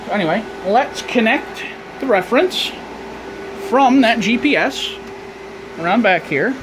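With a very high-pitched, animated, unhurried voice, a man shows off his amateur radio setup, casually explaining the equipment and thinking aloud. The tour takes place in a small indoor room of radio racks, recorded on a camera or phone he holds himself. Loud fan and ventilation noise fills the audio.

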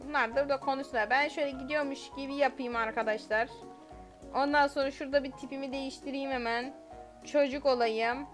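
Excitable high-voiced woman gamer. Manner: excitable, lots of exclamations and giggles. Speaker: gaming YouTuber. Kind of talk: gameplay commentary.

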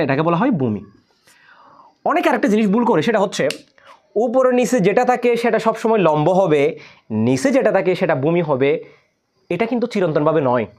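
Lively Bangladeshi Bengali male math teacher. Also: high voice. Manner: explains step by step, repeats key words, drawn-out stresses. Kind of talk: recorded classroom lesson.

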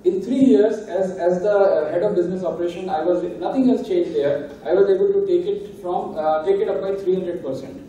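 Man, keynote speaker, high voice, dull distant sound. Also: fairly quick, hardly any pauses, mellow. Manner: conversational, emphatic, frequent "right?" tags. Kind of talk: conference keynote talk. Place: large conference hall. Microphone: handheld mic, recorded from far camera. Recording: echoey hall, distant and muffled.

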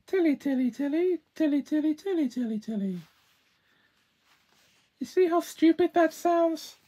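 A man voicing a polite, chatty young girl rag doll in an amateur puppet show, with quaint, deliberate phrasing. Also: very high-pitched, mellow. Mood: exasperated.

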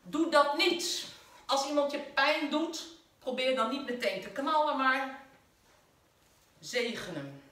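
A woman with a Dutch accent, a spiritual caregiver giving a gentle, conversational sermon from home. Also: high voice, animated, measured pace, pauses often, far from the mic. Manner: gentle, conversational preaching with fillers. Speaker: spiritual caregiver leading a service. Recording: very echoey room, voice off-mic.

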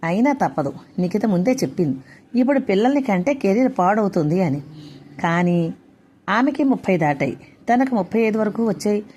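A woman's voice: medium pitch, animated, fairly quick, darkish tone, slight background noise. Woman author reading her own story. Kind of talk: storytelling narration.

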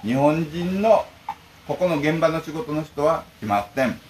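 A man's voice: fairly high pitch, a little slow, slight background noise, rough recording. A talkative middle-aged man, the manager of a bento shop, telling stories in casual chat. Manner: talkative, lively storytelling.

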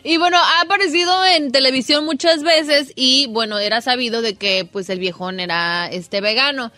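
Woman, radio co-host, chatty laughing storyteller, bright voice, dry sound. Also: high-pitched, moderate pace, no echo. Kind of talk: telling a news story on radio. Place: radio studio.

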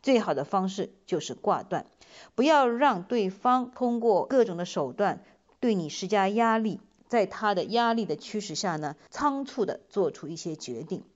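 A woman giving a semi-scripted public safety announcement as a police community liaison officer, measured, instructive and emphatic. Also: mid-range voice, lively intonation. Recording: dull, band-limited lo-fi voice recording.

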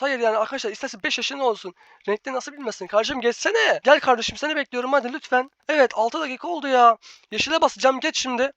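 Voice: high voice, fairly bright tone, no echo. A gaming channel host giving live gameplay commentary, bossy and exasperated, repeating instructions over and over to a teammate.

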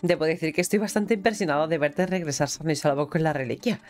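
A woman with a Spain Spanish accent reading the lines of a wise old male sage mentor in a game, in a measured, formal way. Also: sits low, darkish tone, faint music behind, lightly acted. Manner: measured, formal read-aloud delivery.

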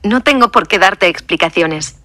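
A woman's voice: mid-range voice, expressive, moderate pace, pushed and bright, dry recording. A woman doing a tense, defiant teenage boy. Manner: curt, through clenched teeth.

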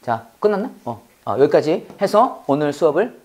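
A man teaching a Bible English class, leading call-and-repeat drills and quizzing his students in an animated, chatty way, with frequent laughs. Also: a little high, moderate pace.

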